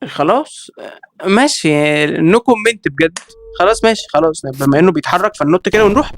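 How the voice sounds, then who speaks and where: A man with an Egyptian accent giving excitable let's-play commentary, reacting with quick exclamations and talking straight to his viewers. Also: high-pitched, no room sound. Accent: Egyptian Arabic. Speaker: gaming video creator.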